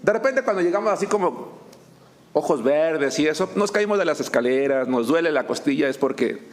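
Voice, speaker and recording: A man's voice: on the high side, lively intonation, moderate pace. A man, a pastor preaching a sermon, joking and acting out little scenes between husbands and wives. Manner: humorous, acts out couples' dialogue.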